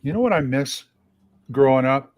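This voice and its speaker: A man co-hosting a casual livestream chat, chatty and lively, swapping stories. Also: medium pitch, normal speed.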